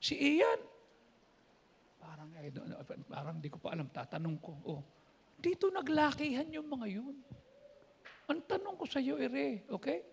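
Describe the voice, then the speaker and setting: A man's voice: extremely high pitch, big pitch swings, unhurried, creaky, pauses often. A man with a Filipino accent preaching a sermon as a pastor, telling stories in a conversational way and switching between languages. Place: church.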